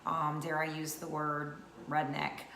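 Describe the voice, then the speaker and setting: Low-voiced chatty woman vlogger. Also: completely flat delivery, measured pace, fairly bright tone. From North Georgia, US. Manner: chatty, many fillers. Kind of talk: casual talk to camera. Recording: echoey room with faint noise.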